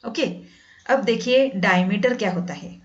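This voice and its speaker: A woman teaching a math class, patiently repeating each definition slowly and addressing her students as "beta". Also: a little high. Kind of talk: classroom lesson in Hindi with English definitions. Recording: dull lo-fi sound.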